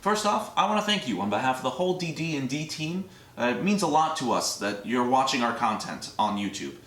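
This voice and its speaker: A man's voice: mid-range voice, sing-song, a little fast, a bit bright. A man, the show's editor, thanking viewers in a friendly, upbeat outro. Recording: roomy echo.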